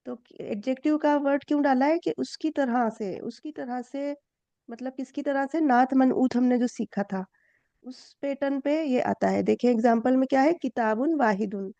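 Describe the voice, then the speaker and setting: A woman's voice: normal speed, mellow, dry recording. A woman teaching grammar in an online class, explaining step by step and quizzing her students. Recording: dull low-fi dry sound.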